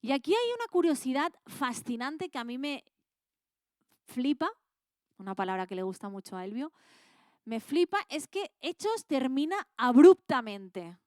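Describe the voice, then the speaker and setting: A woman's voice: high voice, very animated, moderate pace, darkish tone, dry recording, clean studio sound. A woman with an accent from Spain, teaching a Bible class in a casual, colloquial way and quizzing her students with questions.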